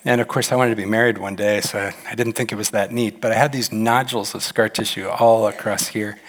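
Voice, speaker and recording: Animated male pastor in reverberant hall. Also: brisk. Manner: animated, acts out quoted voices with big pitch jumps. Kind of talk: sermon.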